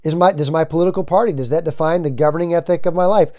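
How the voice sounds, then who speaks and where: Male preacher from the US, mellow and slightly high-pitched, emphatic sermon delivery. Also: very fast. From United States. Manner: earnest, emphatic, rhetorical questions.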